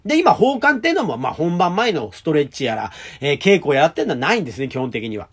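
Man, fast-talking solo talk-show host, animated pitch, polite old-fashioned phrasing, self-deprecating jokes. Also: husky. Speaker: stage performer hosting his own audio talk show.

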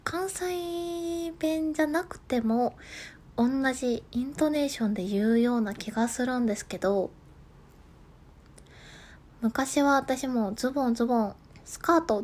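A woman with a Kansai accent and a slightly high voice hosts a solo talk show. She reads listener letters calmly and laughs at herself.

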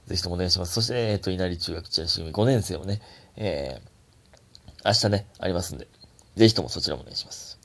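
A young man with a Kansai accent, a comedian chatting solo on his own show, his throat a little hoarse and his voice jumping up high when he gets excited. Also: fast. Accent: Kansai Japanese. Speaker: comedian podcast host. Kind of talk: casual solo talk.

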